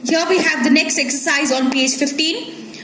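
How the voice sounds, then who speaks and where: A woman with an Indian English accent teaching a grammar lesson to schoolchildren, explaining step by step and often checking "Clear?". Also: high-pitched, normal speed, pushed and bright. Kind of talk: recorded classroom grammar lesson. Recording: echoey room with faint ambient noise.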